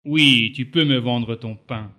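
A man's voice: medium pitch, slow pace, sharp tone. Man plays scheming magician, commanding and impatient, storybook reading.

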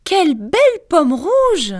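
A woman voicing a gentle young princess in a slowly read storybook. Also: extremely high pitch, sing-song, full character voice. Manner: slow, carefully articulated storybook reading.

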